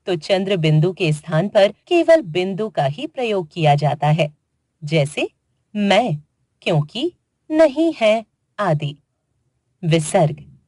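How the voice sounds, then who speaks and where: A woman narrating a children's grammar lesson in a slow, deliberate way, spelling out letters one by one. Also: medium pitch, darkish tone, dry recording, clean studio sound. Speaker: grammar teacher. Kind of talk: scripted educational narration for children.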